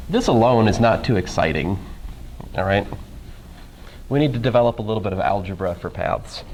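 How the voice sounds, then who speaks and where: A man's voice: on the low side, animated, moderate pace, long pauses, a little mellow, slight background noise, low-quality recording. A man teaching a college calculus class in a casual lecture style, with dry sarcastic humor and questions tossed to the students. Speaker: math professor.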